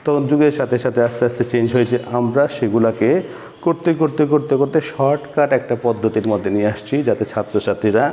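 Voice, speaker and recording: A man's voice: medium pitch, quick pace, warm tone. A male English teacher from Bangladesh giving an online class lecture, patiently explaining and often repeating words as he goes. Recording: echoey room with long reverb.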